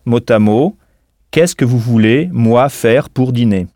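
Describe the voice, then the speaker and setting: A man giving a scripted audio lesson, speaking at a mid pitch with a calm, measured delivery. He pauses to spell words out letter by letter, and his voice sounds dry and close, with no room echo. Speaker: English teacher.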